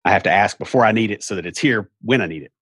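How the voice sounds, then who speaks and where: A man's voice: fairly low pitch, rapid-fire, fairly bright tone, slightly rough, no echo, clean studio sound. A middle-aged man with an Appalachian hillbilly accent, casually explaining things in a folksy, wry way with rambling asides. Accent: Appalachian hillbilly, Southern US.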